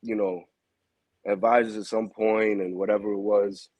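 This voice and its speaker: A man talks in a relaxed, slangy way as a boxing manager on a video call. His voice sits a bit low. The sound is close and dry. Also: normal speed, no room sound. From New York. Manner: relaxed, slangy, calls people bro. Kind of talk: casual interview.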